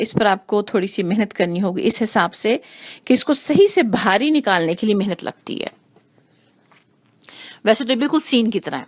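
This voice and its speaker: A woman teaching Quran recitation rules, explaining slowly and repeating each sound to demonstrate it. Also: mid-range voice. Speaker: tajweed teacher. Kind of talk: patient recitation lesson.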